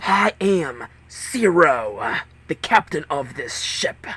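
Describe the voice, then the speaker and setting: A man's voice: on the high side, sing-song, sharp tone, breathy edge, heavily acted. A man doing a cold, eerie masked captain. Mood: menacing. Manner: slow, deliberate, harsh, half-whispered.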